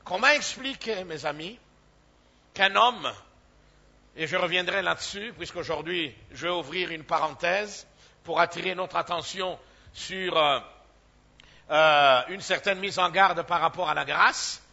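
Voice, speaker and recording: A man's voice: sits high, measured pace, bright, forceful tone, highs cut off. A man preaching a sermon in an emphatic way, breaking off with calls of hallelujah.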